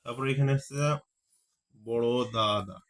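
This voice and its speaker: A man's voice: medium pitch, measured pace, fairly bright tone. A man teaching a grammar lesson. He repeats key terms and keeps asking the class rhetorical questions.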